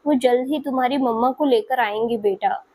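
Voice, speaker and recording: A woman's voice: on the high side, normal speed, warm tone, close to an everyday voice. A woman voicing a caring household auntie comforting a child in a spoken story. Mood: soothing. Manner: soothing, affectionate.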